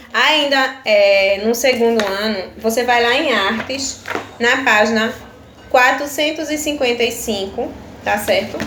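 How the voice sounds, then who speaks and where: Patient Brazilian teacher in an echoey room. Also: female voice, on the high side, fairly bright tone. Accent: Brazilian Portuguese. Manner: patient, explains step by step, often asks "tá certo?". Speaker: primary school teacher. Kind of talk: recorded video lesson for children. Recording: echoey room with faint ambient noise.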